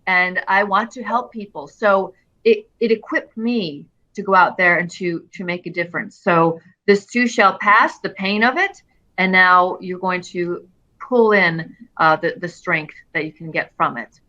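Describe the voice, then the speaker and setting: A middle-aged woman with a bright, forceful, fairly low-pitched voice speaks earnestly and expressively at a measured pace as a guest in a casual interview conversation. She often restarts her phrases, and the audio is a little dull and lo-fi.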